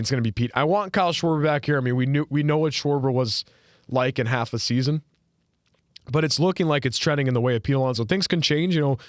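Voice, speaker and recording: A man's voice: medium pitch, no echo, studio quality. A man hosting a sports podcast in casual chat, rambling with lots of fillers and restarts. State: hiccuping. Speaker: podcast host.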